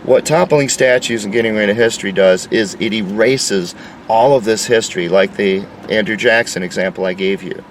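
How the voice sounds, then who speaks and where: A man's voice: fairly low pitch, moderate pace, a little hiss or hum. Lecturing man, distant outdoor mic. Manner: lecturing, insistent. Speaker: commentator. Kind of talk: opinion monologue.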